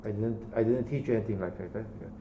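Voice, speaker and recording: A man from Turkey with a Turkish accent delivers a university lecture in a classroom, talking fast in a fairly low voice and often repeating himself while checking in with "okay?" and "right?". The lecture hall recording sounds dull and echoey, with a little hiss or hum.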